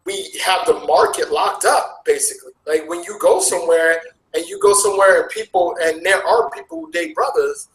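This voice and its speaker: A man with an American accent, talking casually as an interview guest, animated and jumping sharply in pitch. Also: normal speed, echoey room, low-quality recording. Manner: animated, with big jumps in pitch. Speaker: interview guest, travel vlogger. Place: Asia.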